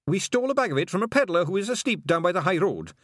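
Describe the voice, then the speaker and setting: A man voicing a tiny, gruff pixie chief with a Scottish accent, hesitant and coaxing. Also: sits high, very animated, very fast, fairly bright tone, no echo, clean studio sound, pitched above the performer's own voice, full character voice. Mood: uneasy.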